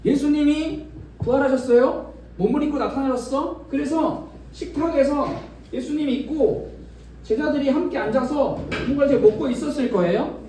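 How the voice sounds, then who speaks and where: A man's voice: very high voice, moderate pace, mellow, slight background noise. A man giving a children's sermon in a church, asking the kids questions and acting out imagined dialogue. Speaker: children's ministry preacher. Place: church worship room. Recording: very echoey room, from a distance.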